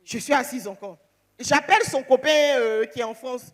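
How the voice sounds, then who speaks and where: A woman giving an emotional church testimony, animated, acting out the phone calls she tells about. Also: sits high, normal speed, long reverb tail.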